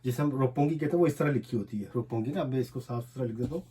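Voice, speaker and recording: A man with an Urdu accent teaching a language lesson, explaining as he writes and repeating each word slowly, syllable by syllable. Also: mid-range voice, very noisy. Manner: repetitive, drills words slowly one syllable at a time. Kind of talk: explaining a lesson while writing on a board.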